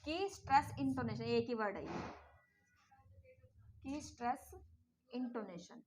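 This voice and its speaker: A woman's voice: fairly high pitch, expressive, measured pace, darkish tone, a little hiss or hum. A woman teaching a class, lecturing and teasing and scolding her students as she explains.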